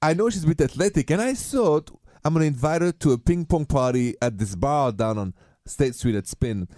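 Man, French accent, casual radio host, earnest romantic manner, warm dark tone, dry close sound. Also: a little high, animated, moderate pace, dry recording.

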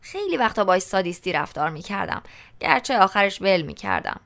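A woman's voice: mid-range voice, big pitch swings, creaky, fairly bright tone. A woman narrating a novel in the first person, in a colloquial, conversational storytelling style. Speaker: audiobook narrator.

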